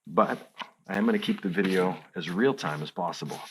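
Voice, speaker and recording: A man's voice: low voice, animated, fairly quick, creaky, slight background noise. A man hosting a hands-on crafts tutorial, chatting playfully to the viewer as he works. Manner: playful, chatty, talks to the viewer while working.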